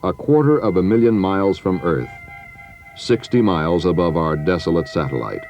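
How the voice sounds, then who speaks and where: A middle-aged man reading scripted documentary narration in a measured way with dramatic pauses. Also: low-pitched, expressive, darkish tone. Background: background music.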